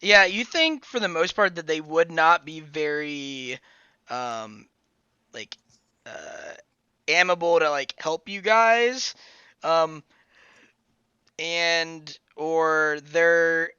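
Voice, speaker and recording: A man narrates as game master, speaking slowly with a bright, clear voice. He stops for ums and uhs, and the audio is dry and dull, like a lo-fi call. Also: fairly high pitch, animated, no room sound. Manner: halting, full of ums and uhs.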